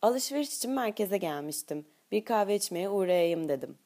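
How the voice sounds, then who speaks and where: Audiobook: woman reading an excited middle-aged mother, pitch lifted and eager. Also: normal speed, lightly acted. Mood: cheerful. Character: cheerful middle-aged mother, chatty and bright.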